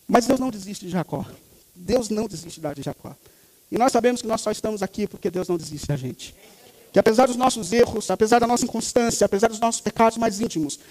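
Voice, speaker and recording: A man's voice: high-pitched, a little mellow. A male pastor in his thirties preaching a sermon, speaking emphatically and repeating key phrases for weight. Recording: reverberant hall.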